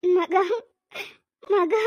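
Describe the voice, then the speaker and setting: A high-voiced performer as an anxious young older sister. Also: steady tone, extremely slow, dull audio, full character voice. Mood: worried. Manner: worried, tearful, pleading.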